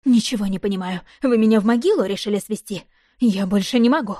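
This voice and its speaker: A woman's voice: quick pace, warm tone, no room sound, natural voice. A woman voicing a distraught middle-aged mother who scolds her son, reproachful and close to tears. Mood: despairing. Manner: shrill, reproachful, near tears.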